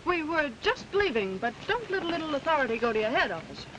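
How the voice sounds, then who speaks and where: An actress playing a quick-tempered young bride in a 1930s film, tart and excitable. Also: female voice, sits high. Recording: dull, hissy 1930s film soundtrack.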